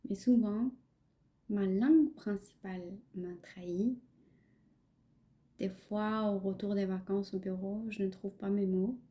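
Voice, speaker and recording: A woman with a Pakistani accent and Punjabi as her first language, reading a reflective spoken-word monologue in a measured, poetic way that sometimes drops to a near-whisper. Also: mid-range voice, warm tone. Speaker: podcast host.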